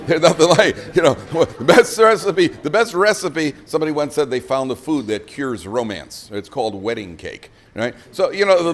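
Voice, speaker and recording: A middle-aged man giving a guest rabbi's humorous Torah talk to a live audience at a breakfast event. He jokes facetiously and often restarts his sentences. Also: medium pitch. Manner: joking, facetious, with frequent restarts and asides.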